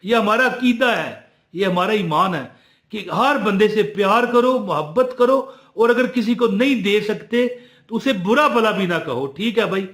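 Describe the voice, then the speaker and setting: A man telling a religious story, animated, moving between loud emphasis and quiet asides. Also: high-pitched, measured pace, roomy sound.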